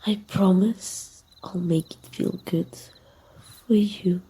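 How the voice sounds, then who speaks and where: Seductive and intimate, this Mexican woman's ASMR villain speaks softly and breathily, sometimes whispering, playing a teasing yet tender character. Her medium-pitched delivery is slow with fairly even intonation.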